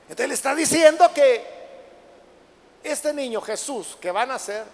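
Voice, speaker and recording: High-voiced preacher in a reverberant hall. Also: male voice, expressive, vocal fry. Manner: reads verses slowly and loudly, then explains conversationally; addresses the listeners as brothers. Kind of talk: Bible study sermon.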